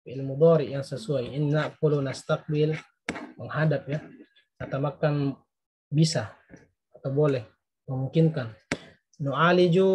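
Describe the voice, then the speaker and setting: A man's voice: mid-range voice, dark tone, husky. A man giving a recorded Arabic grammar lesson, explaining patiently and translating each word. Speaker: Arabic teacher.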